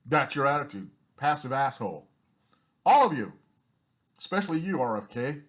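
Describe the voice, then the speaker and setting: Man, angry vlog rant, blunt, repetitive, coughing, strained throat, ordinary pitch. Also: sing-song, normal speed. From United States. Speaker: vlogger. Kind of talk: ranting vlog monologue.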